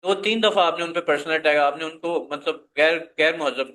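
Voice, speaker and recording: High, bright-voiced male moderator. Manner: pleading, calming, urging civility. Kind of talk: moderating a live debate.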